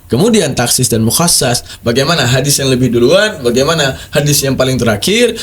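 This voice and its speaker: A man's voice: mid-range voice, expressive, brisk, a little hiss or hum. A man giving emphatic religious commentary on a video, repeating words for stress and mocking his opponents.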